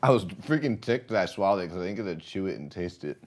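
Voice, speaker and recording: A man's voice: deep voice, expressive, fast. A man casually chatting with his viewers while playing a game on a livestream, rambling and laughing often. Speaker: streamer.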